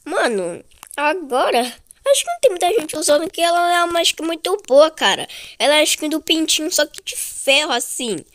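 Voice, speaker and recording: A young woman with a Brazilian Portuguese accent gives excited, chatty gameplay commentary full of slang and exclamations. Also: high voice, normal speed, no room sound, clean studio sound. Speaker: gaming video creator.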